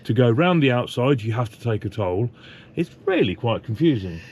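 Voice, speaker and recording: A man's voice: medium pitch, big pitch swings, moderate pace, a little mellow, husky. A man chatting casually in a travel vlog from his motorhome, rambling with plenty of fillers and restarts. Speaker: vlogger. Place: motorhome on the road.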